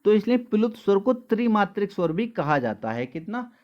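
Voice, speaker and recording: A man's voice: sits high, sing-song, normal speed, a little mellow, muffled recording. A male teacher giving an exam-prep lesson, asking questions and answering them himself, calling the students dear children. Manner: addresses listeners as dear children.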